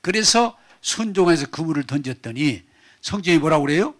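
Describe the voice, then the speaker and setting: A man's voice: on the high side, animated, brisk, fairly bright tone. A male pastor preaching a sermon in church, telling the story vividly and acting out scenes.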